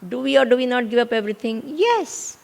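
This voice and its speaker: A woman's voice: a little high, lively intonation, brisk, gravelly, a little mellow. A woman with an Indian accent giving a scriptural lecture as a spiritual teacher, repeating key words and posing questions to check understanding.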